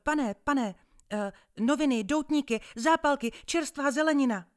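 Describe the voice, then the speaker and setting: A woman voicing an eager, cheeky boy who sells newspapers on a train, calling out loudly in a high, excited voice. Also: natural voice. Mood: hawking.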